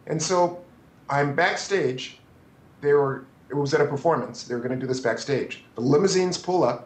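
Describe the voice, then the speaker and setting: A man in his fifties, a photographer telling stories as an interview guest, animated and prone to restarts. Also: on the high side, normal speed, reverberant, low-quality recording. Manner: animated, restarts and acts out quotes. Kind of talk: anecdotal interview storytelling.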